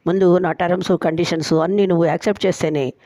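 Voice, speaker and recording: A woman storyteller voicing a bossy, sharp-tongued young woman who sets firm terms for her marriage. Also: lowish voice, fairly even intonation, quick pace, dry recording, clean studio sound, natural voice. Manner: firm, teasing, laying down conditions.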